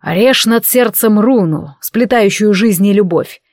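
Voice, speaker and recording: A gruff, grim war god growls out his commands, voiced by a woman reading a fantasy audiobook. The voice is pushed louder and a little higher than her usual narration. The recording is close and dry. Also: measured pace, no room sound.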